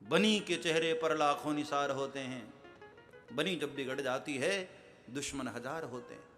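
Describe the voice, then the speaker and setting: A male preacher tells a devotional story, breaking into chanted verse couplets and turning to speak straight to his listeners. His voice is bright and fairly high, with soft instrumental music playing faintly behind. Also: unhurried. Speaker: katha preacher.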